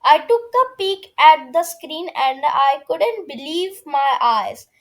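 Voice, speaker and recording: A woman with a high, animated voice reads a first-person story aloud slowly on her own video channel. It's an amateur fan fiction reading, and she occasionally stumbles over the words.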